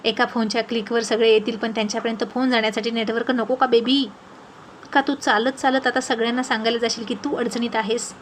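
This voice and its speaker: A woman voicing a spirited, outspoken young woman in a storybook tale, with a lively, scolding manner. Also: fairly high pitch, brisk, a little hiss or hum, natural voice.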